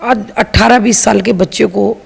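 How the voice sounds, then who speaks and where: A woman's voice: mid-range voice, steady tone, moderate pace, creaky. A woman with a mid-range voice makes her points emphatically and argues them out. A long reverb trails behind her words. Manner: emphatic and argumentative. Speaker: interviewee. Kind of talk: casual interview answers.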